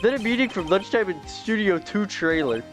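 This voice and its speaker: Give me a mellow surfer-dude director who drawls along in slang, put on by a man. His voice stays lively in tone, with faint game music behind. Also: high voice, pitched above the performer's own voice. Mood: laid-back. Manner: slow, drawling slacker slang.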